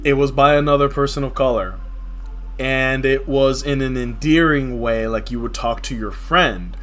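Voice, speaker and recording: A young game livestreamer from New York City talks casually and candidly, using slangy, conversational chat. His mid-range voice is a bit bright, with fairly even intonation and a moderate pace, and music plays in the background.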